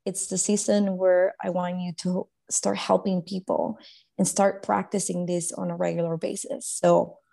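A woman's voice: on the low side, flat delivery, moderate pace, vocal fry, dark tone. A woman in her thirties from Guatemala, a life coach talking earnestly and reflectively in a casual faith-based interview, with many fillers and restarts. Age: 30s.

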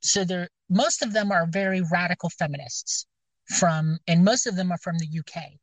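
Outdoors by her car, a woman with a scratchy, lowish voice chats casually at normal speed, with no echo on the sound. Her talk rambles and hesitates, full of fillers and restarts.

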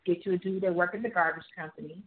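A woman's voice: on the low side, fast talker. A woman from Jamaica talking earnestly in casual conversation, telling stories from her life. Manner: earnest, storytelling, fillers like "like" and "you know". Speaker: author and guest. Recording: tinny phone-like audio.

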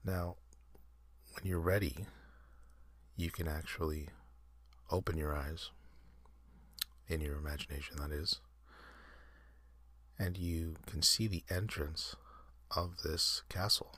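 A man hosting an ASMR channel, leading a soft, halting whispered guided meditation with many pauses and fillers. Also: extremely low pitch, fairly even intonation, no room sound. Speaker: ASMR host.

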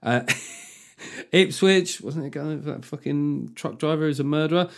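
A man's voice: a little high, a little slow, gravelly. A man hosting a podcast, a stand-up comedian chatting casually with sardonic, sweary jokes. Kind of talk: casual chat.

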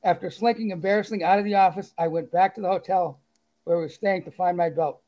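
With a Boston accent, this male author guest alternates between reading his story aloud and casual interview chat, cheerful, self-deprecating, and full of fillers. He has a high, warm voice with a steady tone, delivered fast. The recording is rough.

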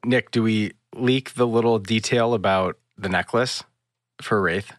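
Man, podcast co-host, excited storyteller, fairly low voice, dry close sound. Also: unhurried, dry recording. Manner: excited storytelling, acts out quotes loudly. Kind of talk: casual chat.

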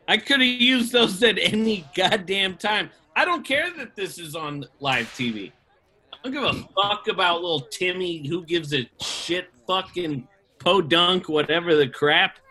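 A man's voice: high-pitched, sharp tone. A man improvising at a mock press conference, ranting and swearing in a jokey way. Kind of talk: improv comedy.

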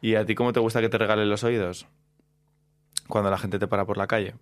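A man hosting a casual podcast interview, asking relaxed, teasing questions. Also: fairly low pitch, fast. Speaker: podcast host.

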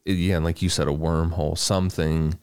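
A man's voice: low-pitched, flat delivery, brisk, darkish tone, smooth, no echo, clean studio sound. A man co-hosting a podcast, retelling a story in a laid-back, crude, casual way. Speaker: podcast co-host telling the story.

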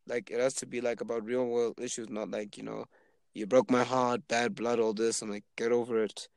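A 20-year-old Zimbabwean man speaks at a moderate pace in a gravelly, mid-range voice, captured in a dry recording. Relaxed and chatty, he rambles with lots of fillers about being an aspiring rapper.

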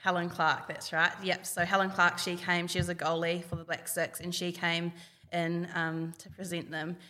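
A woman's voice: fairly low pitch, little pitch movement, moderate pace, pushed and bright. A woman in her twenties with a New Zealand accent, a hockey player telling her story as a podcast guest in a chatty way, full of "like". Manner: chatty, full of "like" and reported speech. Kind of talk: casual storytelling. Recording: long reverb.

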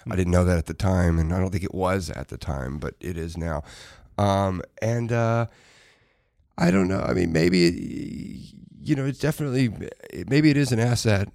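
A middle-aged man from Texas, a guest in a casual interview, speaking softly and haltingly with many fillers and restarts. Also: low-pitched, no room sound, studio quality. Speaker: actor guest.

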